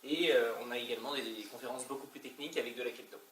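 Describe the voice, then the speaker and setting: French man presenting, bright voice, echoey room. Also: mid-range voice, fairly even intonation, racing. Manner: colloquial, hesitant delivery with French-accented English terms. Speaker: conference speaker. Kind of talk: informal technical presentation. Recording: echoey distant mic, faint noise.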